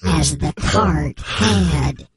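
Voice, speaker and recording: A man voices a disguised, anonymous male informant for a comedy sports radio segment, fully in character with a slow, solemn, mock-dramatic delivery. The voice is a little high and creaky, grave and mock-secretive, against a loud crowd.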